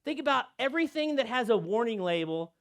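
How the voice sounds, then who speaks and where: A man with a high-pitched voice speaks to a room of students as their guest speaker. He tells stories with lively energy, jumping from loud, emphatic bursts to hushed, deliberate lines. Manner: animated, swinging from loud emphatic bursts to quiet slow lines. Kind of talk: storytelling talk to students.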